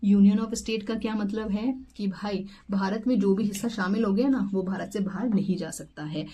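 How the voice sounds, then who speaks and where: A woman's voice: mid-range voice, normal speed, mellow. A woman teaching an exam-prep lesson, explaining step by step with rhetorical questions and English terms mixed in. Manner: mixes English terms into Hindi.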